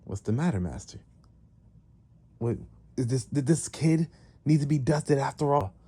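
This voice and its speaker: A man's voice: mid-range voice, animated, measured pace, mellow, breathy edge, voice pushed up. A man doing a snarling hot-headed young villain. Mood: sneering. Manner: raised, snarling, threatening.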